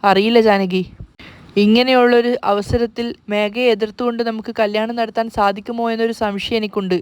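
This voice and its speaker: Woman doing a slow, anxious family head. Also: on the high side, fairly even intonation, smooth, close to an everyday voice. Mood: doubtful. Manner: slow, worried. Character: troubled older man, head of family.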